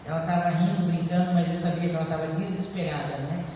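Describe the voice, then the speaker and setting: A woman's voice: on the low side, steady tone, fast, warm tone, a little hiss or hum. A woman giving a heartfelt personal testimony at a church service, often addressing the congregation directly. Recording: echoey church hall from far off.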